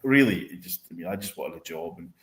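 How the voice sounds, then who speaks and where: A man in his fifties with a deep voice and a Doric north-east Scottish accent. He reminisces in a loose, casual way, dropping in dialect words. The sound is roomy and echoing. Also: expressive, quick pace. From north-east Scotland. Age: 50s. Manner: rambling, peppers talk with dialect words. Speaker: interview guest, whisky industry veteran.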